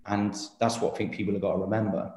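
A man's voice: lowish voice, steady tone, quick pace, darkish tone. Earnest young man rambling in echoey room. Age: 20s. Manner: rambling, earnest, many fillers and restarts. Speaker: interview guest. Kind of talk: casual interview talk.

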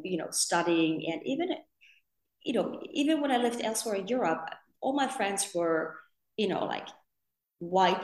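A woman from Finland, co-founder of a podcast company, chatting in an interview with a rambling, filler-heavy manner. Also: sits low. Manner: chatty, rambling, full of "you know" fillers. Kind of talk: casual interview talk. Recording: roomy echo.

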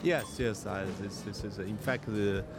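A man's voice: on the low side, steady tone, measured pace, over music. A man from Taiwan, a visitor answering interview questions at a book fair hesitantly, with many fillers.

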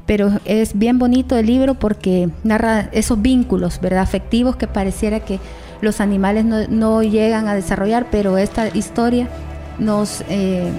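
A woman with a Salvadoran Spanish accent giving an informal spoken book summary as a guest, haltingly searching for words. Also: mid-range voice, fairly even intonation, mellow, faint music behind. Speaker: library guest recommending a book.

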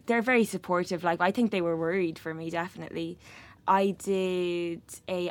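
A young woman with an Irish accent, chatting casually as an actress being interviewed. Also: on the low side. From Trim, County Meath, Ireland. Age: young adult. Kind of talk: casual chat.

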